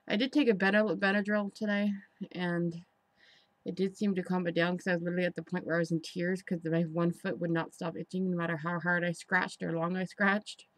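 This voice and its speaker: A woman's voice: lowish voice, level tone, no echo, low-quality recording. Candid, rambling woman vlogger, dry close sound. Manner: frustrated, candid, halting rambling. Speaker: personal vlogger. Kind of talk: rambling confessional vlog chat. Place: indoors in an apartment.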